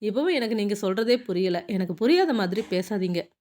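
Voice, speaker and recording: A woman's voice: mid-range voice, animated, fairly quick, a little mellow, close to an everyday voice. A woman reading the lines of a shy, earnest young actress who is new to films, in a Tamil audiobook. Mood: puzzled. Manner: puzzled, earnest.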